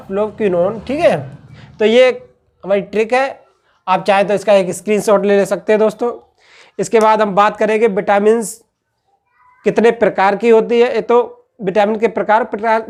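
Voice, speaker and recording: A man teaching a class, who poses questions, answers them himself and keeps checking in with "okay" after each point. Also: high-pitched. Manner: patient, repetitive explaining. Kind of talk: classroom-style lecture.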